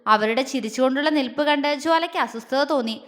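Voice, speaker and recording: A woman narrating a romantic family audio story in an expressive storytelling manner. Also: sits high, fast talker, big-room sound. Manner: expressive, voices every character herself.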